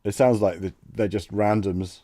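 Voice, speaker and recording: A man streaming a text adventure, reading the game text aloud and thinking out loud between passages. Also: fairly low pitch, fairly even intonation, moderate pace, no echo. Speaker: let's play streamer.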